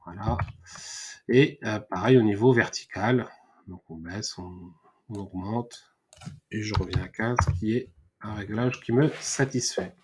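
A man's voice: on the low side, a little slow, a little hiss or hum. A man hosting a screen-recorded tutorial, thinking aloud with many fillers and restarts. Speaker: tutorial host. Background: mouse clicks and typing.

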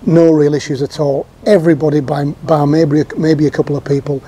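A man in his fifties talks straight to a fixed camera from a sofa on an outdoor patio, recapping a day out in an easy, rambling way full of ums and restarts. His voice sits a little high for a man, with a husky edge and a mellow, relaxed tone. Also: a little fast. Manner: chatty, with frequent ums and restarts. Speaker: theme park vlogger.

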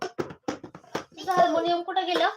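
Woman, mother, high voice, coaxing questions, casual live-stream talk, noisy home recording. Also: little pitch movement, measured pace. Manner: coaxing, keeps prompting the child with questions. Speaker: mother hosting a live stream with her toddler.

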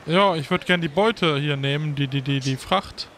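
A man giving casual gameplay commentary as a Let's Play host, thinking aloud in a relaxed, chatty way. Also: on the high side, moderate pace, a little hiss or hum.

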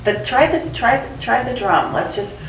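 A woman guiding a séance in casual, halting speech, trailing off in the middle of her thoughts. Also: a little high, animated, creaky, noisy background. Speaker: séance leader, medium. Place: dark cluttered room indoors on a ship. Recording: humming, echoey, distant camera mic.

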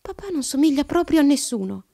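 A woman voicing an eager little girl who exclaims with excitement in a storybook reading. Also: very high voice, unhurried, pitched above the performer's own voice, heavily acted. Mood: excited. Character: excited little girl, one of three sisters.

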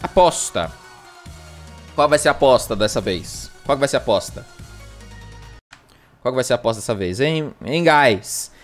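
A man's voice: mid-range voice, lively intonation, moderate pace, pauses often, soft background music. A man with a Brazilian accent chatting casually on a gaming livestream, rambling and joking at himself. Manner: rambling, jokey, self-mocking.

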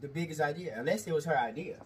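A man in his thirties giving opinions in casual chat, halting and repeating himself for emphasis. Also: on the high side, husky, far from the mic. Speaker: co-host, the host's husband. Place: indoor studio, seated at a table of food.

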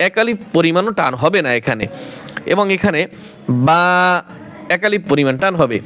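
A man's voice: fairly high pitch, animated, normal speed, a bit bright, muffled recording, faint music behind. A man teaching Quran reading, taking the viewer through the Arabic letters one by one, asking questions and answering them himself. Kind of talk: Arabic alphabet pronunciation lesson.

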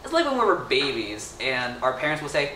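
A teenage student whose first language is Indonesian tells a story to a camera across a small wallpapered room. His mid-range voice moves fairly quickly, and he is animated, gesturing, and full of playful asides; the room echoes, the mic is distant, and faint noise is audible.

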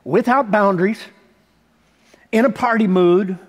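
High-voiced middle-aged preacher in a reverberant hall. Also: male voice, unhurried. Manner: storytelling preacher, building to emphatic points. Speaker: pastor. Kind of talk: sermon. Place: large church stage with audience. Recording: long church hall reverb.

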